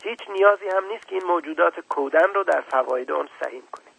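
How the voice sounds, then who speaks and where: A man's voice: high-pitched, creaky, a bit bright, breathy edge, voice pushed up, exaggerated voice, rough recording. A man voicing a proud, condescending old scientist in a storybook reading. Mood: lecturing. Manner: lecturing, condescending. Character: old male scientist, proud, dismissive and impatient.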